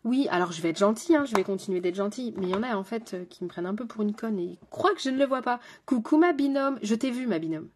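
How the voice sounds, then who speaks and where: A woman's voice: mid-range voice, very fast, few pauses, darkish tone, slightly rough. French lady doing her makeup live, chatting to the chat as she goes. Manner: chatty, talks straight to viewers and chat. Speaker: makeup artist.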